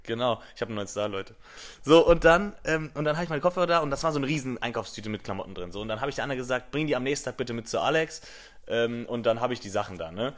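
A young man co-hosting a casual podcast chat. He rambles on with a story, restarting his sentences and throwing in fillers as he goes. His voice sits at a middle pitch. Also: expressive, quick pace. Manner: rambling storyteller, lots of fillers and repeated starts. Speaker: podcast co-host.

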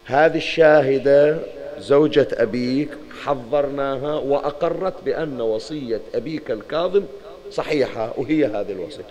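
Preacher doing a fed-up judge, bahraini accent, brusque. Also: male voice, mid-range voice, moderate pace, a little mellow, close to an everyday voice. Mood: exasperated. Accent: Bahraini Arabic. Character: impatient male judge settling a dispute.

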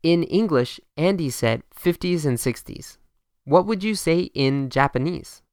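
A man's voice: a little high, animated, slow pace, darkish tone, clear, resonant tone, no echo, clean studio sound. A man hosting a podcast language lesson, explaining each point in Japanese and then repeating it in English in a friendly, upbeat way. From United States.

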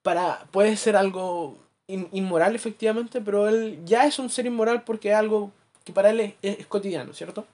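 A man with a Chilean accent chatting casually as a podcast co-host, acting out his anecdotes with lively asides. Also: high voice, brisk. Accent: Chilean Spanish. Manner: animated storyteller, acts out anecdotes, laughs at his own jokes. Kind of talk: casual chat.

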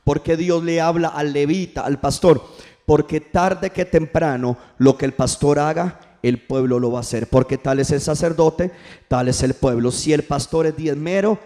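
A male pastor delivers a sermon in a church, pushing his congregation to repeat lines and answer back. His voice sits a little higher than most men's. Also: dark tone. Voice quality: preaching with call-and-response to the congregation.

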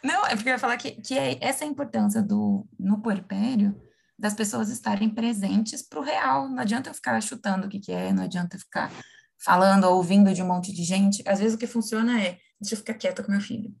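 A woman, explaining things in a lively, casual conversation, often asking her listeners "right?". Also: medium pitch, brisk, vocal fry, husky. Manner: animated, acts out imagined quotes, frequent tag questions.

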